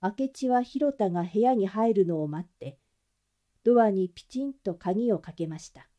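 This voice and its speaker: A woman narrating a classic detective novel in a gentle, even storytelling voice. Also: medium pitch, normal speed. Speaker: audiobook narrator.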